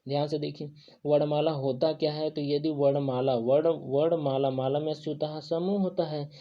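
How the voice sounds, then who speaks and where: A young man teaching an exam-prep lesson, talking through a whiteboard and stuffing almost every phrase with habitual fillers. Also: on the high side. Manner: filler-heavy, repeats "jo tha" and "jo hota hai". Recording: dull lo-fi sound.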